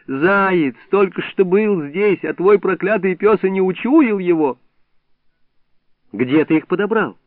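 A man voicing a gruff, hot-tempered old male hunter who scolds and curses, recorded dry with a narrow, phone-like sound. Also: high voice, expressive, measured pace, dry recording, pitched above the performer's own voice. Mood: cursing furious. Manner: scolding, cursing, bantering.

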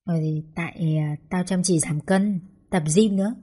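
A woman reading the lines of a loud, blunt young mother who is the narrator's best friend, with a husky, mellow tone. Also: lowish voice, moderate pace. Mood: casual. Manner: loud, blunt, swears casually. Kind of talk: audiobook character dialogue.

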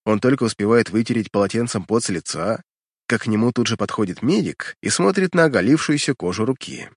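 A man's voice: fairly low pitch, lively intonation, fairly quick, slightly rough, no echo, clean studio sound. A man narrating fiction from a script as an audiobook reader, in a dramatic storytelling style.

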